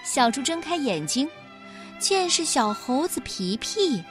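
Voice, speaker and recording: A woman narrating a children's storybook in a slow, expressive storytelling manner. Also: sits high, faint music behind.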